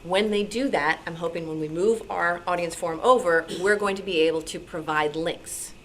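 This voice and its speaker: At a club meeting, an American woman talks informally and enthusiastically, fielding questions in her role as a radio programmer in a conversational way. Her voice sits on the low side, a bit bright, at normal speed. It's a noisy recording made live in the room.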